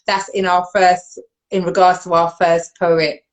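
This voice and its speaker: A woman's voice: on the low side, expressive, takes it slowly, poor audio. A British woman hosting a live online show in casual chat, thinking aloud while reading comments and often laughing, on a video call. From United Kingdom.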